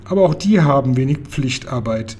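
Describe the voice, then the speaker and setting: Ein Mann, der beim Vorlesen eines Kinderbuchs eine freundliche, geduldig erklärende alte Dame spricht, mit heiserer Stimme. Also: male voice, mid-range voice, lively intonation, moderate pace, a little mellow, slightly rough. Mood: friendly explaining. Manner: friendly, patiently explaining, occasionally stern. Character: kind, calm old lady in a car. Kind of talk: reading a children's book aloud.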